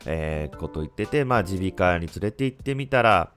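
A man in his thirties with a congested, stuffy-nosed voice, chatting casually on his own as a podcast host, with frequent pauses. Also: low voice, expressive, a bit bright, faint music behind. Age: 30s.

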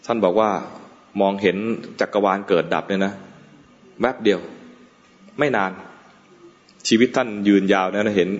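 A male Buddhist monk giving a relaxed dharma talk, joking aside now and then with small chuckles. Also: low-pitched. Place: meditation hall. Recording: dull audio with long hall reverb.

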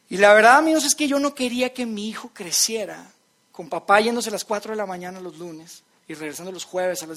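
A man's voice: sits high, creaky, fairly bright tone. Earnest man preaching a sermon. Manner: earnest storytelling, addresses audience directly.

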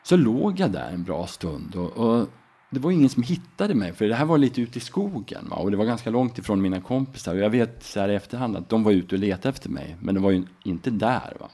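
A middle-aged man from Sweden, a podcast guest, telling a story in a relaxed, halting way with frequent tag questions. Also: lowish voice, husky. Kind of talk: casual storytelling.

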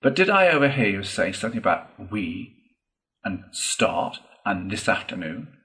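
A man voicing a stubborn, sceptical water rat in a storybook, speaking in a slow, dry, firm way. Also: fairly low pitch, sing-song, pushed and bright. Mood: dry, suspicious.

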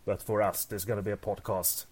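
Stammering low-voiced man on a podcast. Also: little pitch movement, brisk, slight background noise. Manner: stammering, repeats words, chuckles often. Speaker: podcast co-host. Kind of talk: casual movie-review podcast chat.

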